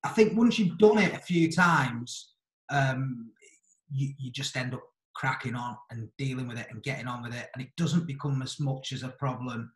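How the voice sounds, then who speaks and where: A man's voice: medium pitch, normal speed. Man in casual podcast chat, echoey room.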